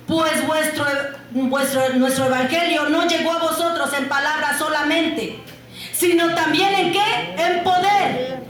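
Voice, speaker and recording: A woman preaching a sermon. She asks the congregation questions and answers them herself, and she stretches key words slowly for emphasis. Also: high voice, a bit bright. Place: church. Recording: very echoey church hall.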